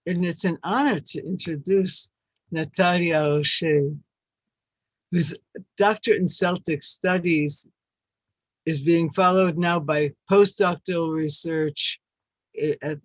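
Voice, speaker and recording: Woman host, slow halting introductions, dry close mic on a video call. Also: deep voice, fairly even intonation, no echo, poor audio. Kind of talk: hosting a literary event on a video call.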